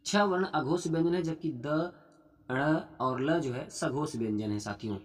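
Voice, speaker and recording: A husky-voiced young man leads an online exam-prep class. He reads each multiple-choice question aloud, runs through the options and explains the answer while calling out to his students. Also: a little high, measured pace. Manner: addresses students as "saathiyon" over and over. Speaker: exam coaching teacher.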